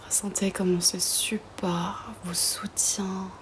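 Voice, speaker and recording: Guiding yoga nidra, this woman speaks softly and breathily, almost in a whisper, with a gentle, calming manner and long gaps between phrases. Her voice is medium-pitched and barely moves in pitch.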